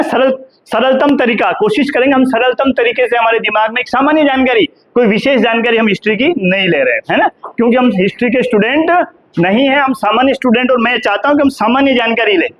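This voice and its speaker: A man's voice: very high-pitched, fairly bright tone. A middle-aged male history professor from India giving a classroom lecture, who asks the students questions and answers them himself, calling them "beta" and tagging "hai na" onto his sentences. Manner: calls students "beta" and keeps adding "hai na".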